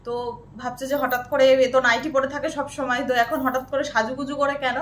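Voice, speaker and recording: A woman in her thirties talks straight to her viewers in a casual vlog. Her voice sits high, and she shifts easily between a hushed, polite tone and a louder, more animated way of speaking. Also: a little fast, slight background noise. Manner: chatty, switches between soft and loud. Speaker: vlogger. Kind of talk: casual chat to camera.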